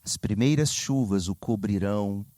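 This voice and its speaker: A Brazilian man preaching a sermon as pastor, telling stories with lively, sudden high exclamations. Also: moderate pace, no echo. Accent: Brazilian Portuguese. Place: church sanctuary.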